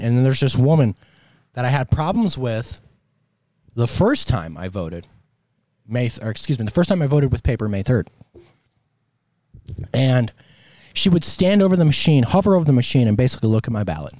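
An American man hosts a political commentary show while nursing a sore throat. His voice is dark and mellow, in a very dry recording. He speaks in an emphatic, exasperated monologue with colloquial wording. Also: mid-range voice, lively intonation, a little fast, pauses often, no echo. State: sore throat with coughing and throat clearing.

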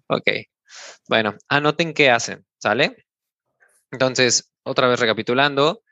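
A man's voice: mid-range voice, slow, long pauses, bright, forceful tone, dry recording, muffled recording. Mexican man guiding listeners step by step. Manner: explains step by step, tags sentences with "¿no?". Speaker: podcast co-host and coach. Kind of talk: instructive podcast talk.

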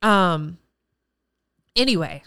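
A woman's voice: on the low side, animated, very slow, creaky, bright, forceful tone, clear, resonant tone, no room sound, studio quality. A woman hosting her own podcast, talking alone in an effusive, rambling and emotional way. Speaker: podcast host; former teacher. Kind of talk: solo podcast monologue.

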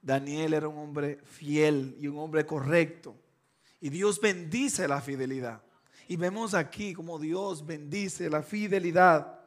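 A man preaching a sermon with emphatic, repeated phrases, swinging between loud bursts and hushed, slow lines. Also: a little high.

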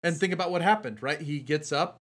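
A man's voice: fairly high pitch, brisk, fairly bright tone. A man, a guest on a faith talk show, speaking earnestly and encouragingly, often ending with "right?". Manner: earnest, encouraging, fond of tag questions.

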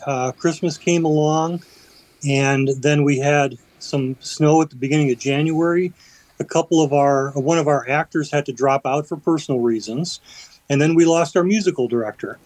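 A man with a somewhat high, slightly mellow voice speaks at a moderate pace as a guest on a radio arts show, where he's vice president of a community theater group. He explains things with fillers and restarts in this radio interview. The recording is dry and of poor quality.

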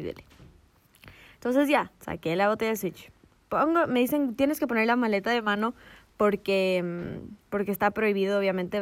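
A woman telling a story in casual chat, animated and laughing, dropping in English slang. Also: medium pitch, dry recording.

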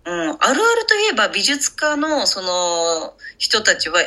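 Woman podcast co-host; easygoing, laughs often, bright and lively delivery. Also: mid-range voice. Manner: easygoing, quick to laugh, many short agreements. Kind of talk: casual chat.

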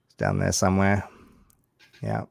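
A man's voice: deep voice, animated, normal speed, gravelly, breathy edge, no echo, clean studio sound. A man, a puppeteer guest, chatting easily in an interview with many fillers. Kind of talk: casual interview chat.

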